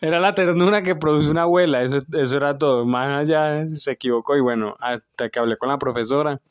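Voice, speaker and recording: Here a young podcast co-host talks fast in a slightly high, smooth voice, recorded dry and clean in a studio. He rambles through his stories, laughing often and stumbling through plenty of fillers and false starts.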